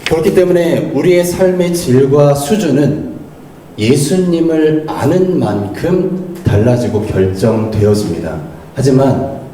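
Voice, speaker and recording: A middle-aged man preaches with a lively, swinging delivery, acting out little quoted lines. His voice is mellow and warm. It was recorded at a distance in a very echoey church hall with faint noise behind. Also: medium pitch. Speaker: associate pastor. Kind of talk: sermon.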